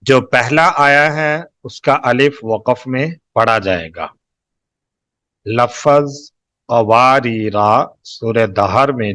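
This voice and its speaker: A man with a Pakistani Urdu accent gives a recorded lecture on Quran recitation, speaking at a middling pitch. He goes slowly, repeats each key word and stretches example words out syllable by syllable. The sound is close and dry with no room echo. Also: a bit bright.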